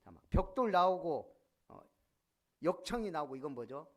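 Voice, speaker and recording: In a church sanctuary, a male pastor preaches an animated sermon, frequently asking the congregation questions. His voice runs on the high side at a normal speed.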